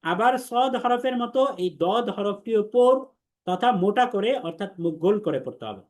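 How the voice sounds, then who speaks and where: A man's voice: high voice, lively intonation, normal speed. A man leads an online class on Arabic letters. He speaks patiently, stretching out each letter sound and repeating it for his students to copy. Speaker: Quran teacher.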